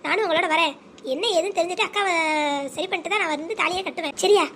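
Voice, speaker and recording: A voice actor doing a high, fast earnest young groom. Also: male voice, bright, forceful tone, slight background noise. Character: young male groom, earnest and devoted to his sister. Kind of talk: cartoon voice acting.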